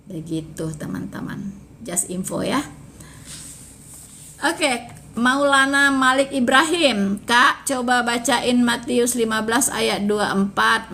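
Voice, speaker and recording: A woman giving casual Bible commentary to her viewers, reading verses slowly and then explaining them in everyday, chatty speech. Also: medium pitch, creaky, fairly bright tone, slight background noise. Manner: chatty, fills phrases with "ya" and "gitu".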